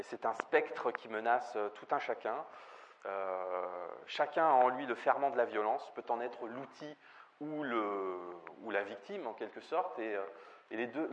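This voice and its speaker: Hesitant man giving a film lecture. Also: mid-range voice. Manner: hesitant, many fillers and restarts. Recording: dull lo-fi recording with faint ambient noise.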